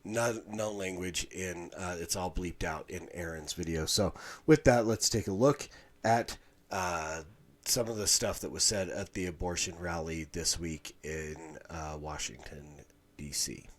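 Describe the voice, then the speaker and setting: A man hosting a podcast, giving a halting, indignant commentary with many restarts. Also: sits low. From Utah, USA. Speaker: podcast host. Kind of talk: casual commentary monologue.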